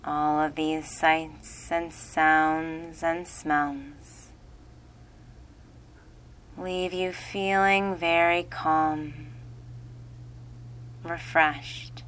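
Slow, low-voiced woman guiding relaxation. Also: fairly even intonation, slight background noise. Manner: slow, soothing, hushed. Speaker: meditation guide. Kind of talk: guided relaxation script.

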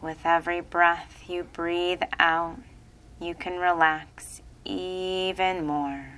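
Slow, low-voiced woman guiding hypnosis. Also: sharp tone, clean tone. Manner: slow soothing repetitive delivery. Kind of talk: guided relaxation hypnosis script.

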